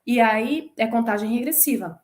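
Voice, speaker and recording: A Brazilian woman in her forties, a former flight attendant, chatting in an interview and telling stories with lively acted-out quotes. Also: on the high side, moderate pace. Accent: Brazilian Portuguese. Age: 40s. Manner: lively storyteller who acts out quoted voices. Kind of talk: casual chat interview.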